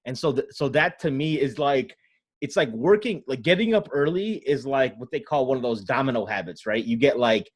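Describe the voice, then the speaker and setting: An Ohio podcast host from the United States chats casually, his medium-pitched voice lively in intonation and fairly quick. He's loose and talkative, leans heavily on fillers, and keeps checking in with "right?"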